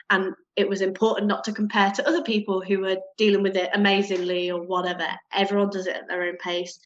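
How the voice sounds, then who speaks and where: Young woman, casual podcast chat, rambling, lots of fillers, dull lo-fi audio. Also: medium pitch. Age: young adult. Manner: rambling, many "um"s, laughs at herself. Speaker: youth advisor, podcast guest.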